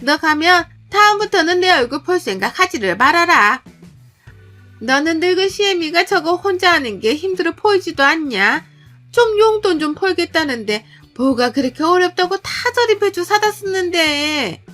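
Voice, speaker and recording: A woman's voice: extremely high pitch, big pitch swings, moderate pace, sharp tone, soft background music, pitched above the performer's own voice, full character voice. A woman voicing a nagging, scolding older mother-in-law who makes harsh demands.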